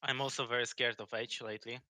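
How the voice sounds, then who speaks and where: Bright-voiced man in his late twenties. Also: medium pitch, fast talker, a little hiss or hum. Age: 20s. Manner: relaxed, chatty storyteller, laughs easily. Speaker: guest, pro gamer. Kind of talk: casual interview chat.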